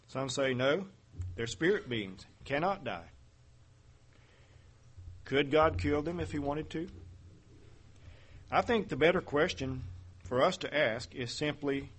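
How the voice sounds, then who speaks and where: A man giving a Bible teaching sermon in a measured way, reading verses aloud and asking rhetorical questions. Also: medium pitch, husky. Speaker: preacher.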